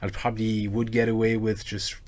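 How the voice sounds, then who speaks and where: This live-stream host, a low-voiced man from France in his forties who performs game music covers, speaks fairly quickly while answering viewers in casual chat. He is talkative and rambling, often breaking into excitement.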